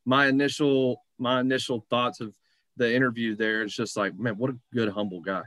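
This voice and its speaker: A man hosts a sports show in a medium-pitched voice with very little room sound. His talk is casual and conversational, wandering loosely from thought to thought. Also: fairly even intonation, normal speed, a bit bright, dry recording. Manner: rambling, conversational.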